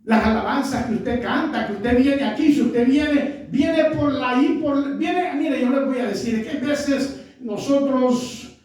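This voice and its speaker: High-voiced preacher in an echoey church. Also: male voice, unhurried, darkish tone. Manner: peppers speech with "¿verdad?" and "hermanos". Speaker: pastor. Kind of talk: sermon. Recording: echoey church hall, mic far off.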